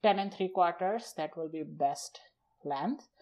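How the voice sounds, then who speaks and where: Fairly high in pitch, darkish, and a little slow, this man speaks with an Indian accent and grew up speaking Gujarati. As a casual podcast guest he explains things in short, loose bursts and lists, leaving some sentences unfinished.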